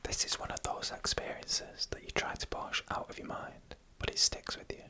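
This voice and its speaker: A breathy ASMR whisper carries this scripted story, though the tone comes through bright and forceful. The narrator moves slowly and deliberately, pausing briefly between phrases.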